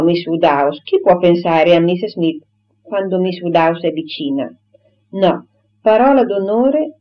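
A woman's voice: mid-range voice, natural voice. Woman doing a flowery, self-important young suitor. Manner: effusive, formal and wounded pride. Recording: dull lo-fi recording.

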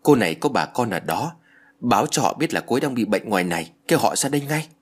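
A man's voice: medium pitch, very animated, quick pace, husky. A man reading a ghost story and voicing a bossy woman who runs an inn, urgent and commanding.

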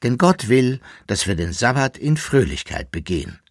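In an audiobook reading, a man voices a boastful, scheming old drinking companion who speaks in a sly, rhyming singsong. His mid-range voice is very animated at a moderate pace, pitched above his own natural voice, in a dry recording with clean studio sound.

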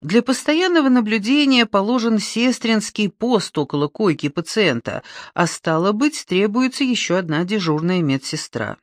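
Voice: mid-range voice, animated, normal speed, few pauses, no echo. Audiobook narrator, lots of melody in the voice, dry close sound.

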